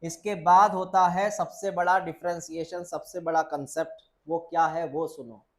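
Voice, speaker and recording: A man's voice: fairly high pitch, steady tone, normal speed. Man teaching biology, coaxing repetition. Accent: Hindi. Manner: repeats key points and quizzes students, answering his own questions; coaxing, calls the listener "beta". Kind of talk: classroom lecture.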